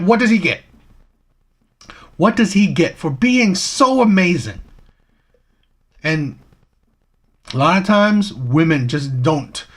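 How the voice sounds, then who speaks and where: A man's voice: a little high, fairly bright tone. A man hosting a live stream, giving casual commentary on clips in a lecturing way, full of rhetorical questions and repeats.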